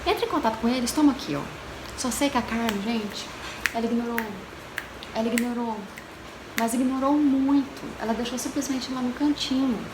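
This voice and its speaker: A woman telling a haunting story in a casual, chatty way, talking straight to her viewers and dropping to a hushed tone for the eerie parts. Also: on the high side, moderate pace. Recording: echoey room with background noise.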